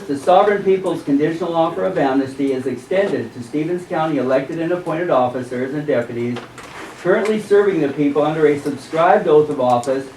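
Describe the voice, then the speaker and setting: American male citizen presenter, formal and deliberate read-aloud delivery, distant roomy recording with faint noise. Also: fairly high pitch, a little mellow. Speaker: citizen presenter at a county commissioners meeting. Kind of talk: formal public statement read from prepared text.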